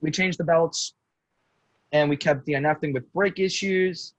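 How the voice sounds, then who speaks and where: A man's voice: on the high side, no echo. A young man, a guest race driver, telling his story on a casual podcast, stumbling and restarting his sentences often. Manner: halting, with frequent restarts and self-corrections. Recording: dull lo-fi call audio.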